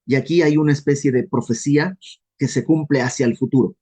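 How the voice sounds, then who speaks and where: Mellow Mexican man teaching Bible. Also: medium pitch, brisk. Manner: lively, conversational, self-deprecating humor; acts out questions in quoted voices. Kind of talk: verse-by-verse Bible study.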